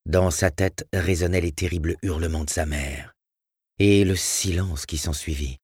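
A man reading a tense story aloud with dramatic, expressive narration. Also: sits low, unhurried, husky, no echo, clean studio sound. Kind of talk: audiobook narration.

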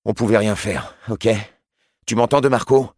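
A man's voice: on the low side, normal speed, a little mellow, dry recording, studio quality, voice pushed up, lightly acted. A man voicing a frantic male prison team chief who barks urgent orders. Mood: insistent.

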